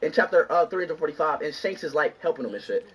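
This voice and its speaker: A man livestreaming in a casual chat, brash and excitable, repeating himself as he reacts. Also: fairly high pitch, quick pace, slightly rough, distant mic.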